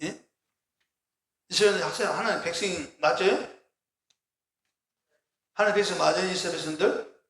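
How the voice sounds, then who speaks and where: A man's voice: high voice, normal speed, long pauses, a bit bright, echoey room. A man preaching a sermon as pastor, emphatic and often questioning his congregation. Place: church.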